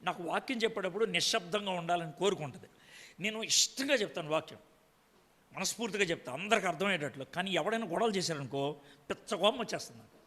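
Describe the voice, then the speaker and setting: A man's voice: high voice, pushed and bright, in a large hall. A man preaching a sermon, quizzing his congregation with frequent direct questions.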